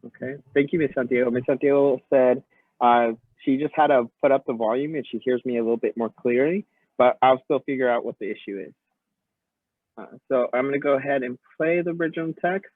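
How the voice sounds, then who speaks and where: Speaking briskly at medium pitch, a man teaching an online class courteously thanks his students for feedback. There's no echo, yet the computer mic leaves his voice muffled and phone-like, as though coming through a wall or from underwater.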